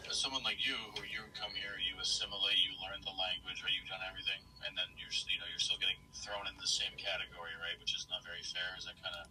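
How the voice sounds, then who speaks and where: A man's voice: low-pitched, little pitch movement, quick pace, few pauses. A man talking on a video chat in a firm, opinionated way, explaining his views. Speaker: conservative stranger on a video chat. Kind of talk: casual chat. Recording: distant mic with faint background noise.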